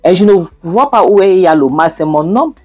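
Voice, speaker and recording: A woman's voice: lowish voice, lively intonation, a little fast, warm tone. A woman voicing a mother who defends her partner and pleads for help. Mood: defensive.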